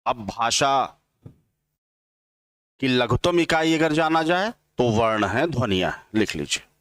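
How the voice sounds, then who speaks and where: A male teacher gives a grammar lesson at an even, middle pitch. He dictates each definition slowly and repeats it for note-taking, and he sounds out the vowels one by one. The recording is dry and close, with no room echo. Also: clean tone. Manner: slow dictating, repeating lines for notes. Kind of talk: exam-prep lecture with dictation.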